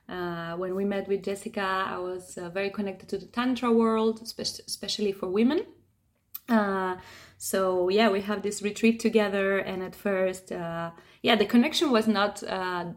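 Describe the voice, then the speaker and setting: A woman from Argentina, a yoga teacher, talking in a gentle, reflective way with soft fillers as a podcast guest. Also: mid-range voice. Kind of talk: casual conversational interview.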